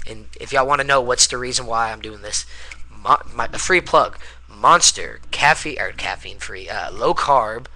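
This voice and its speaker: Casting: young male vlogger, bright forceful voice, wired on too much caffeine, loose unscripted rambling. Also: medium pitch, low-quality recording. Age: young adult. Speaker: video blogger. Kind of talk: casual unscripted vlog chat.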